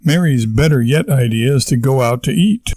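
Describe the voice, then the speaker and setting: A man reading a novel aloud as a narrator, in a measured, steady way. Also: mid-range voice, no echo. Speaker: audiobook narrator.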